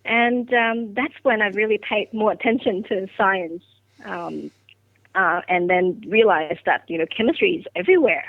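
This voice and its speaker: In a podcast interview, a middle-aged woman from Vietnam, a guest scientist whose first language is Vietnamese, reflects on how she got into science, with many fillers and restarts. She speaks at normal speed and medium pitch over a dry, phone-like line with no room sound.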